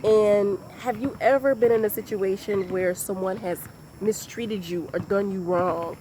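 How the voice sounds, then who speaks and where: A woman giving a motivational talk in a deliberate, repetitive, emphatic way. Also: medium pitch, fairly even intonation, dark tone, a little hiss or hum. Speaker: motivational speaker.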